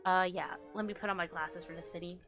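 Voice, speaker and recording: A woman streamer chatting casually with a low natural voice, rambling and swearing, often trailing off into quiet mumbles. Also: steady tone, fairly quick, soft background music. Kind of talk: casual livestream chat.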